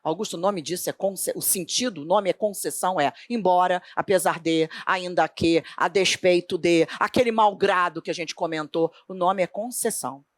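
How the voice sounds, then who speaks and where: A middle-aged woman with a Brazilian accent teaching a Portuguese grammar lesson for an exam, emphatic and lively, asking questions and then answering them herself. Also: on the low side, normal speed, hardly any pauses, dry recording. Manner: animated, emphatic, asks and answers her own questions.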